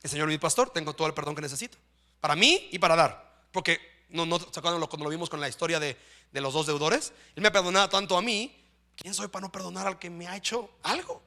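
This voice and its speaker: High, bright-voiced man preaching. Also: quick pace, gravelly. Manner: preaching, asks listeners "¿sí?" often. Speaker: pastor. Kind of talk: sermon. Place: church.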